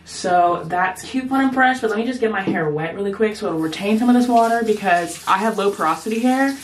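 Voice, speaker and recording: A woman's voice: medium pitch, a little fast, slight background noise, low-quality recording. A young adult woman chatting casually to camera in a slangy, self-deprecating way as she vlogs. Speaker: vlogger. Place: small bedroom, car, gym locker room. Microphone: handheld camera at arm's length.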